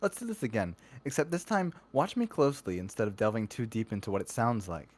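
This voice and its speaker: A man voicing a gentle, playful young female violinist, reading her lines aloud from a visual novel in a calm, coaxing teacher's tone. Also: lowish voice, fast talker.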